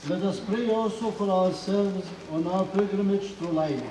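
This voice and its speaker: A man's voice: sits high, moderate pace, warm tone. A man reading solemn funeral intercessions as a minister. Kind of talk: solemn funeral prayer, read liturgy. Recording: roomy distant pickup, clear background noise.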